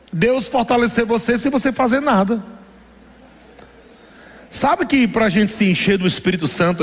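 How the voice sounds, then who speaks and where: Male pastor, high voice, emphatic preaching with laughter, church hall with long reverb. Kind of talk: sermon.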